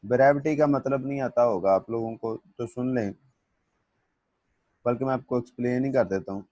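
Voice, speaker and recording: Lo-fi audio with no room sound captures a male teacher whose mid-range voice has a darkish tone. During his classroom lecture he reads English definitions slowly, explains them in Hindi-Urdu, calls students "beta," and checks their understanding.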